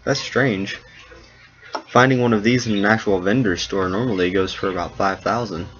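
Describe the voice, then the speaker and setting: A man's voice: normal speed, a bit bright. A man narrating as game master in a tabletop role-playing game, talking casually and voicing the characters. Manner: casual, laughs at his own story. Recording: dull low-fi sound with faint noise.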